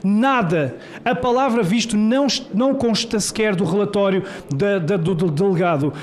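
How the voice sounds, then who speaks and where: High-voiced Portuguese man testifying. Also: moderate pace. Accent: European Portuguese. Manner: emphatic, rhetorical, indignant. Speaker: journalist giving testimony. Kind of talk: prepared statement at a public hearing. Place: senate hearing room.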